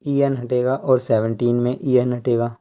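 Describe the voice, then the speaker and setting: A man giving a slow tutorial, counting out numbers one by one and explaining how each is read. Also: medium pitch, little pitch movement, dark tone. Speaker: language teacher.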